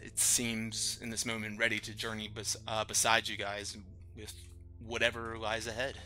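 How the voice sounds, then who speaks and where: Low, very bright-voiced man narrating fantasy. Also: completely flat delivery, normal speed, soft background music, poor audio. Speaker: game master. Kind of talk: narrating a tabletop fantasy game.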